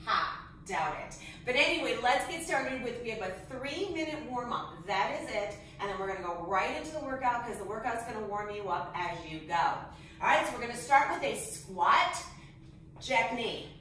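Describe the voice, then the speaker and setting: A woman's voice: a little high, animated, normal speed, sharp tone, very echoey, far from the mic, a little hiss or hum. A woman fitness instructor cueing moves and counting reps while she works out, out of breath. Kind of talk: workout instruction.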